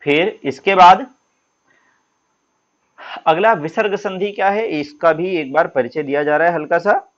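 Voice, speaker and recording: A man's voice: fairly high pitch, measured pace, long pauses, muffled recording. A man teaching Sanskrit grammar in a classroom style, patiently explaining and drawing out example sounds for students. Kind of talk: classroom lesson.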